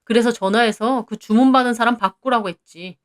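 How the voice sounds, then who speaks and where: A man's voice: very high-pitched, a little fast, a bit bright, smooth. A woman voicing an arrogant, vindictive young man who boasts contemptuously about bullying a worker. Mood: smug.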